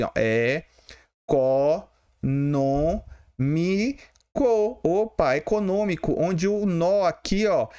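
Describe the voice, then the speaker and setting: Brazilian man teaching, fairly high voice. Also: darkish tone. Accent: Brazilian Portuguese. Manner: talks to students directly, asks and answers his own questions, syllable by syllable. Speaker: Portuguese teacher for exam prep. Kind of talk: explaining exam questions.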